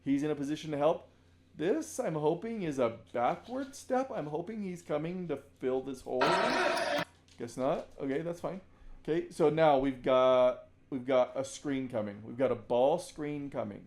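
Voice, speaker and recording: A man's voice: fairly high pitch, normal speed, slight background noise. Man coaching through game film. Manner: conversational, restarts sentences, shouts demo calls. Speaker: basketball coach. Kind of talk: film breakdown commentary.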